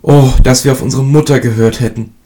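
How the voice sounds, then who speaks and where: A man's voice: mid-range voice, steady tone, fairly quick, dark tone, pitched above the performer's own voice, close to an everyday voice. A man reading a storybook and voicing a timid young youngest brother who speaks anxiously. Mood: fearful.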